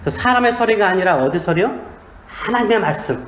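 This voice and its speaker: Korean pastor preaching in an echoey church. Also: male voice, high voice, expressive, fast talker, fairly bright tone, slight background noise. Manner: humorous, storytelling, asks the congregation questions. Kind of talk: sermon. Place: small church.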